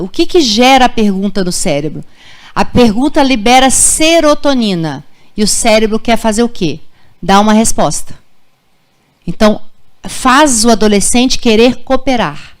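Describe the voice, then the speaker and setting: Woman in her forties, pediatrician speaking to parents in a friendly, conversational way. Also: fairly high pitch. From Brazil. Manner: warm, conversational, checks in with "tá?" and "gente". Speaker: pediatrician giving a parenting talk. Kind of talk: live lecture to parents. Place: school auditorium.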